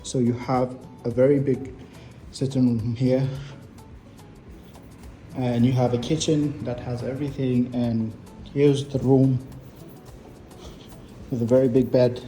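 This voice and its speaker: A man's voice: medium pitch, level tone, takes it slowly, pauses often, dark tone, faint music behind. A man talking casually to camera as a travel vlogger on location. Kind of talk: casual on-location vlog talk. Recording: noisy location sound, traffic ambience.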